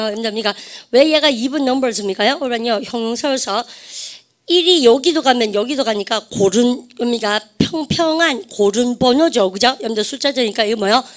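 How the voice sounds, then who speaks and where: A woman's voice: a little high, a little fast. A woman English teacher lecturing exam students on vocabulary, often asking the class questions and having them repeat the pronunciation. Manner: calls herself ssaem, keeps asking the class questions and drilling pronunciation.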